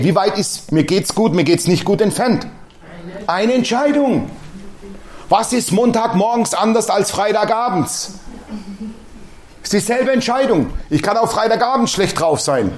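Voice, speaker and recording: Blunt, fast-talking preacher, man. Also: sits high, darkish tone. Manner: blunt, colloquial preaching that acts out quoted voices. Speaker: pastor. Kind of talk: sermon.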